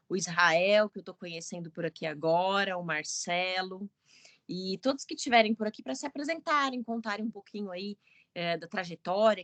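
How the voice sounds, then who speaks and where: A woman's voice: mid-range voice, fairly bright tone, no room sound. A woman hosting an online student meeting, welcoming newcomers in a chatty, casual way over a video call. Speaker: meeting host, student association coordinator.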